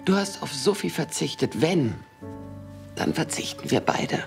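An actress playing a tender but determined woman in love in a TV drama, speaking softly and earnestly. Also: low voice, expressive, a little slow, creaky, faint music behind, full character voice. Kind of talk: TV drama dialogue.

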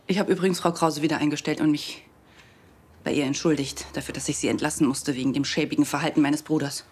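A man's voice: a little high, steady tone, fast, husky. An actor playing a resentful, unwelcoming man in a TV drama, speaking curtly and defensively. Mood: cold, defensive. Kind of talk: TV drama dialogue.

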